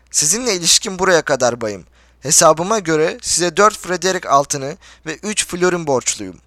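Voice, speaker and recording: Guy reading as a pompous old general, huffy and blustery, kinda high voice, dry sound. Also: fairly bright tone, no echo. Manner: indignant, blustering, then imploring. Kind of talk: audiobook character reading.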